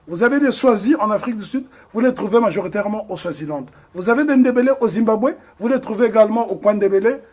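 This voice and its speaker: A man from the Republic of the Congo has a high-sitting, slightly mellow, husky voice. He is an interview guest in an interview discussion, speaking earnestly and emphatically with frequent hesitations.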